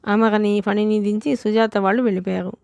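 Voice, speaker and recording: A woman narrates a novel as an audiobook in a steady, measured way. Her pitch stays flat, and the close, dry recording has no room sound. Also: creaky, smooth, no room sound. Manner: steady storytelling, reads all parts.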